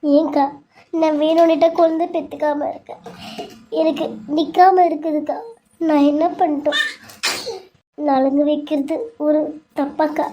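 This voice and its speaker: A woman's voice: high voice, flat delivery, a little slow, long pauses, muffled recording, slight background noise. A woman voicing a hurt young wife who speaks while crying, in a family serial drama. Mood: tearful. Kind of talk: Tamil family serial voice acting.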